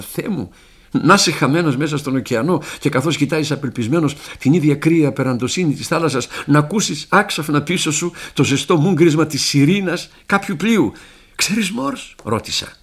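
A man giving a dramatic literary reading, hushed and brooding, voicing all the characters himself. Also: a little high. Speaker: narrator.

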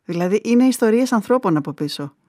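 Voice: mid-range voice, animated, warm tone, no room sound, clean studio sound. A radio host interviewing guests, attentive and often murmuring agreement.

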